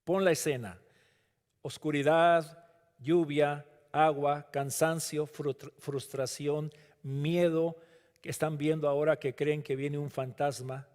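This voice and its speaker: A man preaching a sermon as pastor with a Latin American Spanish accent, swinging between hushed drawn-out lines and rising emphatic calls. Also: on the high side, steady tone. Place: church sanctuary. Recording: long hall reverb.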